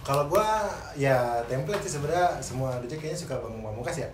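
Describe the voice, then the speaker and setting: A man's voice: on the high side, lively intonation, brisk, far from the mic. A man with a Jakarta accent chatting casually in informal, slangy speech. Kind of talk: casual chat. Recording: echoey room with faint noise.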